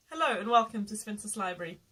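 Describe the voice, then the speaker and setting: Dry-humoured woman, bright tone. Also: mid-range voice, slightly rough, low-quality recording. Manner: dry, self-deprecating, laughs often. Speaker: channel host. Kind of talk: casual book haul chat.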